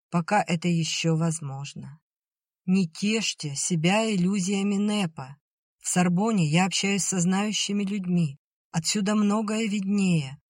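A narrator voicing an anxious, excitable young woman who reads out a letter in an audiobook reading. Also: mid-range voice, no echo, studio quality, natural voice. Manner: excited, worried.

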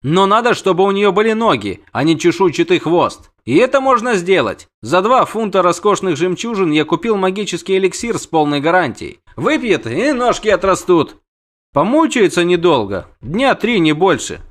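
A man voicing a loud, imperious, lovesick nobleman in an audiobook, barking commands. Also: high voice, very animated, normal speed, pitched above the performer's own voice. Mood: insistent. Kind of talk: audiobook character voice.

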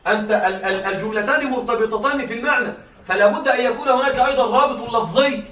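A man teaching a class, often checking that students follow, repeating key points and reading examples slowly. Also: very high voice, bright, forceful tone, roomy sound, far from the mic. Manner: reads examples slowly and deliberately. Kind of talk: classroom lecture.

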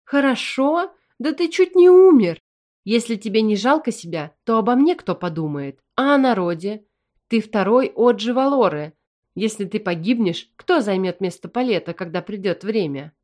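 Woman doing a strict noble alien mom in an audiobook, sharp and bossy, higher than her own voice. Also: lively intonation, close to an everyday voice. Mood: angry. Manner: sharp, demanding rapid questions. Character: stern commanding alien noble mother, middle-aged. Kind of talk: audiobook character voice.

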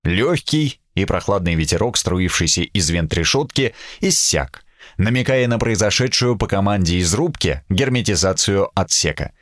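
A man narrating an audiobook in a steady, expressive reading. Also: low-pitched, moderate pace, no room sound, clean studio sound. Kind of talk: scripted narration.

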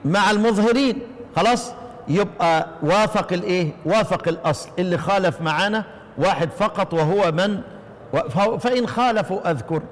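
A man with an Egyptian accent teaching the readings of a recitation poem. He keeps quizzing his listeners with repeated questions and chants the verses slowly. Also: sits high, long reverb tail. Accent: Egyptian Arabic. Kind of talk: explaining a recitation poem to students.

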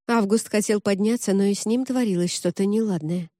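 A woman reading a first-person fantasy audiobook in a steady, expressive storytelling voice. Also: medium pitch, brisk, no echo, clean studio sound. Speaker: audiobook narrator.

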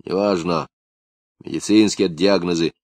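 A man reading aloud, voicing a sullen young ex-thief who answers curtly and low. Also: steady tone, moderate pace, creaky, darkish tone, no room sound.

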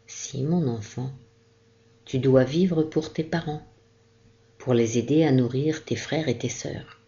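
A woman reading aloud, voicing a gentle, kindly old sea captain with a caressing, reassuring manner, on a dull lo-fi recording. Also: rumbling low, slow, exaggerated voice.

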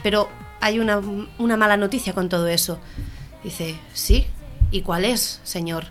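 Female co-host, lively joke-teller who plays the parts, faint music bed. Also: mid-range voice, unhurried. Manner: animated joke delivery, acting out voices. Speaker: radio comedy co-host. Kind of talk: joke-telling radio banter.

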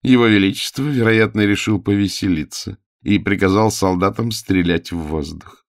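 A man with a voice on the low side, pitching it above his own natural register, reads at normal speed in studio-quality sound with no room sound, acting lightly. In this audiobook reading he voices a beautiful, melodious noble lady from a storybook, sweet-sounding but cruel underneath, with a sweetly coaxing, sing-song manner.

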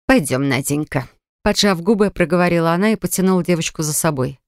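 A woman reading a novel aloud as an audiobook narrator, in a steady storytelling manner. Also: fairly low pitch, quick pace, dry recording, clean studio sound. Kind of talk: scripted narration.

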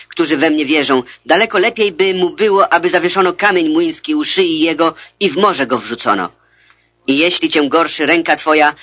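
The words of Jesus are read by a man in a fairly high voice, portraying a calm adult teacher. His reading is solemn and measured, captured on a dull lo-fi recording.

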